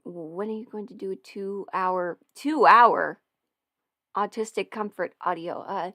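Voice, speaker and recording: A woman in her twenties runs a laid-back Q&A stream from home while eating ramen, talking close to the microphone in a giggly, rambling way with many fillers. Her medium-pitched voice is unhurried, bright, and forceful, with no room sound.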